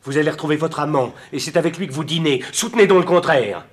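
A jealous young lover, played by an actor with a low voice who stammers and pleads. He swells into indignant outbursts in theatrical 1950s stage diction. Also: animated, moderate pace, natural voice. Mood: accusing. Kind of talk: 1950s French stage acting.

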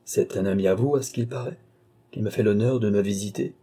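A man voicing a cool, mocking count and sorcerer in an audiobook, calm and commanding. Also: lowish voice, fairly quick, husky.

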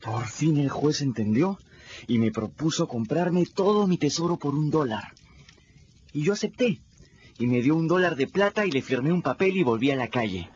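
Here an actor plays a scrappy boy who candidly tells of his adventures, confiding in the audience in a conversational radio drama voice. His male voice is on the high side, animated, a little mellow and close to everyday speech, at a moderate pace. The lo-fi recording sounds dull, with music and slight background noise.

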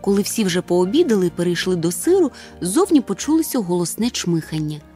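A woman narrating a children's storybook in an expressive, lively way. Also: fairly low pitch, a little fast, soft background music. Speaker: audiobook narrator.

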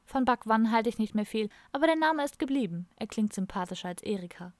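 A woman's voice: a little high, lively intonation, fairly quick, no echo, lightly acted. Woman reading an amused hippie woman. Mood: teasing. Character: warm, amused hippie woman around fifty.

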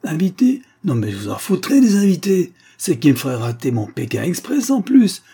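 A man voicing a gruff, indignant older male beet farmer who bellows at intruders. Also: fairly high pitch, wildly swooping pitch, normal speed, dark tone, voice pushed up, heavily acted. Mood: furious.

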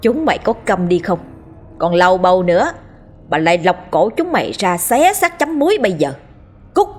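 Woman doing a cruel bullying landlady, harsh shouted threats, husky voice, faint music behind. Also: on the low side, very animated, normal speed. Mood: vicious scolding. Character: cruel shrill old landlady, bullying and murderous.

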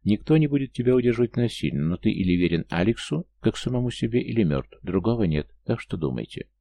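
A male audiobook reader voicing a calm, wry male mage with a measured, knowing manner. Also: on the low side, gravelly, voice pushed up. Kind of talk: audiobook character voice.

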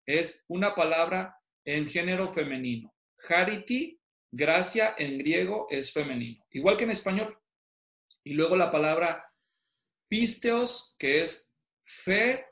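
Guy teaching bible study in an echoey hall, slow and careful, keeps asking the class questions. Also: high-pitched, fairly bright tone. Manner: explains step by step, quizzes the audience.

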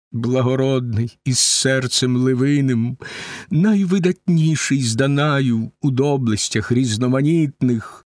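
Man doing an anguished queen, high lamenting voice, slow dry audiobook. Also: dry recording. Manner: raised, lamenting verse delivery. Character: grieving middle-aged queen woman, anxious and reproachful.

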